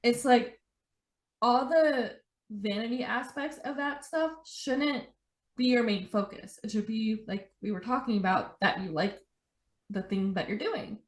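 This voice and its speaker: A woman's voice: on the high side, unhurried. Young woman podcast host, chatty, says like a lot, echoey room. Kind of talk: casual podcast conversation. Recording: roomy echo.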